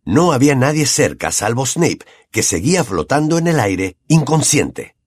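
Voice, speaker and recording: Husky, lively male audiobook narrator. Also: medium pitch, normal speed, dry recording. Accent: Latin American Spanish. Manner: expressive, dramatic storytelling.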